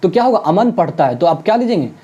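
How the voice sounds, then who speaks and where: An online classroom lesson comes from a spoken English teacher who keeps addressing viewers as friends and poses questions only to answer them herself, repeating English example sentences slowly word by word. The voice is medium-pitched with big pitch swings, warm with a breathy edge, and the highs are cut off.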